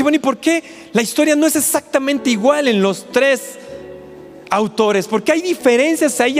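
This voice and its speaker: A man with a Mexican accent preaching a sermon in a casual, conversational way, acting out pleading quotes. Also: extremely high pitch. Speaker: pastor. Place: large auditorium. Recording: echoey auditorium with faint music.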